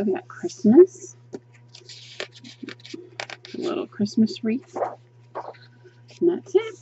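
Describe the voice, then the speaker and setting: A woman with a mellow, slightly high voice thinks aloud as she pages through a coloring book, reviewing it chattily and effusively with many ums. She sits indoors at a table, and her hands can be seen turning the pages. The audio has its highs cut off and carries a little hiss or hum.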